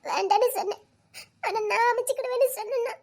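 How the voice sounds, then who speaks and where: A woman's voice: very high-pitched, brisk. A woman with a Tirunelveli Tamil accent playing a heartbroken young woman who pleads tearfully, with nervous laughs. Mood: pleading, hurt. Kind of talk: romantic short-drama acting.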